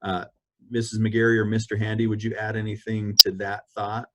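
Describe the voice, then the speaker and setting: A man's voice: fairly low pitch, moderate pace, heavy background noise. A man presenting to parents in an online meeting. He steadily explains the school's learning approach over a video call. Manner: steady, explanatory, walks through slides.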